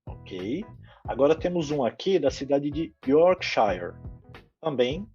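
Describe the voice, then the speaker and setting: A man hosting a solo English-teaching podcast, explaining clearly and repeating words for emphasis. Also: on the high side, big pitch swings, takes it slowly, a little mellow, lo-fi sound, soft background music.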